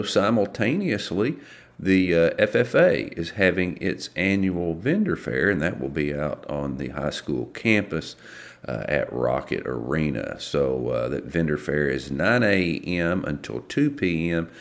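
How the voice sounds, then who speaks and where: A low-pitched man hosts a local radio show. He reads community announcements casually, in a folksy and halting delivery. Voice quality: gravelly.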